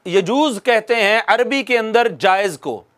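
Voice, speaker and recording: A man with a notably high voice teaches Quran recitation in a video lesson. He speaks patiently to his viewers and repeats key phrases for emphasis. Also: animated, a little slow, fairly bright tone. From Pakistan.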